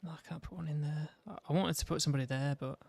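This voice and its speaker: A man's voice: fairly high pitch, very fast, vocal fry, a little mellow, no echo. Man musing aloud over a game. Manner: thinking aloud, musing to himself. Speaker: gaming video creator. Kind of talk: casual commentary while building a mission.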